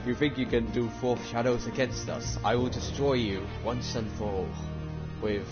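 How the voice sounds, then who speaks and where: A man's voice: medium pitch, fairly even intonation, normal speed, lightly acted. A man voicing a menacing, boastful anime swordsman in a hammy, stagey way. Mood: theatrical menace. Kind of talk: improvised anime voice acting. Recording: muffled voice-chat audio under loud music.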